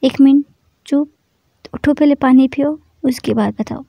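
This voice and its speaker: A woman voicing a worried, loving young woman who softly coaxes her partner to open up, in a told love story. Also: high voice, a little slow, creaky, no room sound. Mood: tender pleading. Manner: coaxing, pleading, soft and tender.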